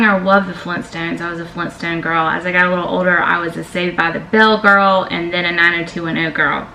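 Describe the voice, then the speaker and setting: Speaking in a low, bright, forceful voice, a middle-aged Southern woman chats through tag questions on her vlog, emphatic and fond of "y'all," in an echoey room with a bit of background noise.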